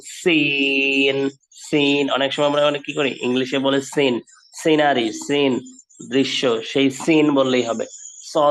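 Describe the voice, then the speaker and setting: Slow-paced man teaching Arabic letters. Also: medium pitch, a bit bright, slight background noise, low-quality recording. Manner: slow, drawn-out model pronunciations of Arabic letters. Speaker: Quran teacher. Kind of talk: online Quran lesson for children.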